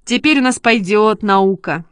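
A woman voicing an excitable schoolboy who coaxes and exclaims while training his dog, read as a storybook. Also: medium pitch, unhurried, no room sound, clean studio sound. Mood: eager. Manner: eager, coaxing, exclaiming. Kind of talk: storybook reading.

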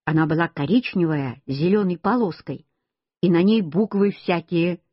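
A woman's voice: on the low side, normal speed, breathy edge, no echo. A woman reading a children's story aloud, telling it in the first person as a little boy. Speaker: reader. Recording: dull lo-fi recording.

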